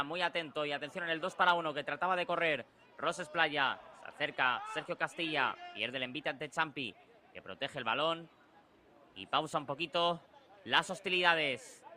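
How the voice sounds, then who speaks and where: A man with a Spain accent giving breakneck, excitable live football commentary, with drawn-out goal shouts. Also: fairly high pitch. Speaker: sports commentator.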